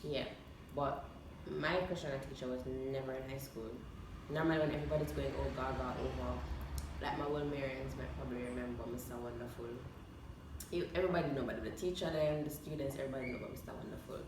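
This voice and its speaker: A woman's voice: extremely low pitch, fairly even intonation, fast talker. A young woman, hosting a vlog with casual chat to camera. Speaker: vlog host. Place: echoey room. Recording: echoey room, distant mic, clear noise.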